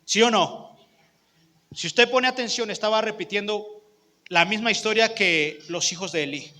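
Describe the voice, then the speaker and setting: A man's voice: sits high, moderate pace, bright, forceful tone. A man preaching a sermon with a Mexican accent, conversational, often putting questions to the congregation, with long church hall reverb. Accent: Mexican Spanish.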